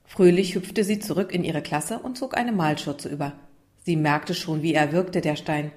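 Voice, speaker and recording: A woman reads a children's story aloud, calm and expressive. Her voice sits a little low, with steady, gentle storytelling. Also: moderate pace. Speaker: narrator.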